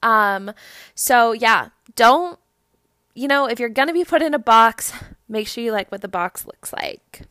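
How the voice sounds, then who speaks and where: A woman's voice: on the high side, expressive, measured pace, pushed and bright, clean tone, no echo, studio quality. A young woman hosting a podcast, giving motivational tips in a casual, chatty way, often saying "like". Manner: chatty, fills talk with "like". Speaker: podcast host.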